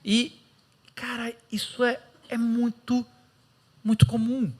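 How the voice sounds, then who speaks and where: A Brazilian man with a Brazilian Portuguese accent preaching a sermon, telling stories with lively acted-out quotes. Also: very high-pitched, slow. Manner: lively storytelling, acting out quoted voices.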